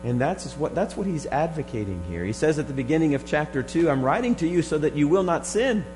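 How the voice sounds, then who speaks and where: A man with a hoarse, frog-in-the-throat voice teaches scripture verse by verse in a deliberate, emphatic sermon style. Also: a little high, very animated, darkish tone, a little hiss or hum, rough recording. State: hoarse, froggy voice from a strained throat. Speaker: preacher teaching a Bible study.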